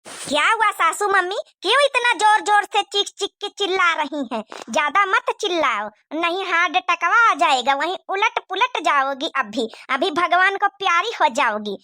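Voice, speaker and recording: A woman voicing a cheeky, sharp-tongued young daughter-in-law in a cartoon, talking back with mocking sass. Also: very high-pitched, lively intonation, normal speed, dry recording, full character voice. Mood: sassy. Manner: sassy, mocking. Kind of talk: cartoon dubbing.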